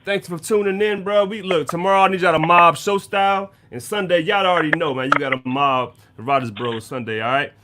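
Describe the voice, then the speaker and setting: A man's voice: on the high side, steady tone, fairly quick, hardly any pauses, bright, forceful tone, a little hiss or hum. A male show host chatting casually on a video call, hyped and slangy, often asking "you know what I'm saying?". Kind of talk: casual chat.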